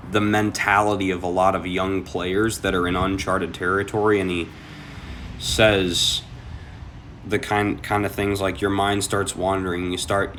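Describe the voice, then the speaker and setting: A man's voice: low-pitched, fairly bright tone. A young adult man chatting to his viewers while playing golf outdoors, in a casual, rambling way. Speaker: golf vlogger. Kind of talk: casual vlog commentary. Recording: outdoor noise in background.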